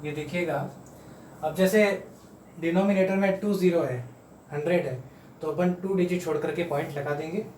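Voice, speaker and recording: A patient male teacher walks children through a math lesson, saying each number slowly and more than once. His voice sits a little high and reaches the mic from across a roomy space at home. A faint hum runs underneath. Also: darkish tone, distant mic. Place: room at home.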